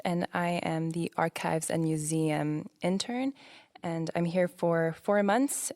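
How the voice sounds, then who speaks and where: A woman's voice: low voice, a little mellow. A young woman in her twenties, an archives intern, speaking hesitantly and earnestly. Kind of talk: casual interview talk.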